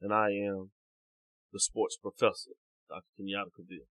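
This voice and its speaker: A man's voice: lowish voice, level tone, moderate pace, a bit bright, no echo. A man, a sports commentator guest, steadily reading out his contact details.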